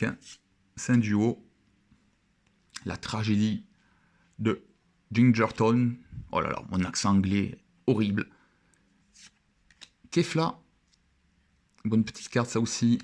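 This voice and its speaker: A young man opening trading cards chats casually and enthusiastically, admiring each card as he goes. His voice is mid-range with a darkish tone, in the style of casual card-opening commentary from a card opening vlogger.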